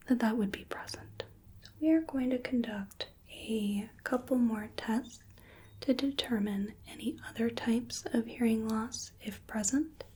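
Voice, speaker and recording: A woman in her twenties performs an ASMR medical roleplay as a hearing examiner, carefully giving instructions in a gentle, breathy whisper of medium pitch. She is in a small indoor room, speaking into a close microphone placed just off camera.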